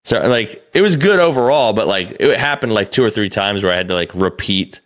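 This young man, a podcast co-host and comedian, recounts a story in a rambling style, swearing casually and restarting often amid lots of "like." His voice is lowish, animated and a little fast.

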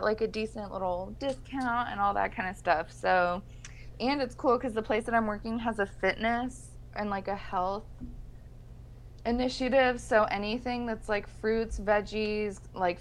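A young woman podcast co-host with vocal fry, chatting casually and self-deprecatingly while sick, in bubbly slang. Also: medium pitch. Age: young adult. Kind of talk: casual chat.

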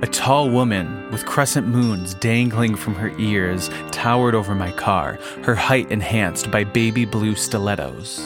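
A man narrating a first-person story in a slow, deliberate way. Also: lowish voice, over music.

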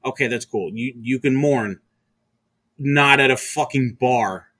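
A young man telling a profane bar story in casual chat, getting loud when heated. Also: medium pitch, unhurried.

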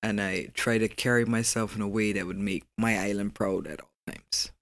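A woman's voice: rumbling low, steady tone, moderate pace. A woman, a podcast guest talking in a proud, emphatic way. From Barbados. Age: 40s. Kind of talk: casual interview chat.

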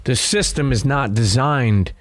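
A man's voice: medium pitch, a little slow, no echo. Brooklyn-accented man, streetwise and dry-miked. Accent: Brooklyn New York. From Brooklyn, New York. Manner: streetwise, profane, frequent "you know". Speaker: interview guest. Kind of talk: candid conversational storytelling.

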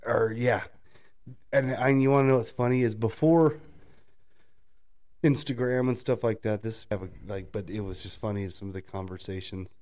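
Man, lowish voice, relaxed chat, laughing storyteller. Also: normal speed. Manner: storytelling, mimics people in high voices; laughs often while talking. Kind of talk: casual chat.

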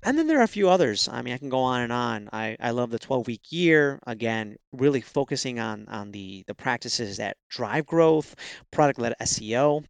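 Male podcast guest with a gravelly voice, speaking casually and haltingly. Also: mid-range voice, expressive, dry recording. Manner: halting, repeats words and restarts phrases. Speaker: podcast guest, SEO consultant.

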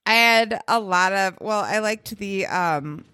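A woman's voice: mid-range voice, slow pace, bright, forceful tone, clear, resonant tone, dry recording, studio quality. Blunt, sarcastic woman podcast co-host. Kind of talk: casual chat.

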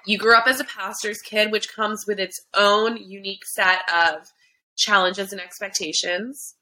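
A woman's voice: mid-range voice, fairly even intonation, measured pace, pushed and bright, rough recording. A young woman from South Florida hosting a podcast, chatting playfully and teasing her guest. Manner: playful, teasing, laughs often. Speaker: podcast host. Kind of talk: casual podcast chat.

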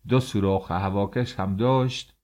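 A man voicing a nitpicking male office servant who asks slow, drawn-out questions in an audiobook. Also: fairly low pitch, steady tone, darkish tone, lightly acted. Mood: probing.

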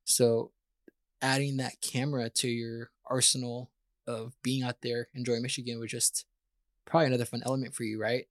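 A man's voice: medium pitch, flat delivery, moderate pace, no room sound, studio quality. A man hosting a podcast, asking questions in an upbeat, enthusiastic way. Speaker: podcast host. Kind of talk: casual interview hosting.

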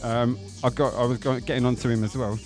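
A man's voice: medium pitch, flat delivery, quick pace, darkish tone. A man hosting a casual, chatty studio interview. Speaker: interview host. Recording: faint music behind the voice.

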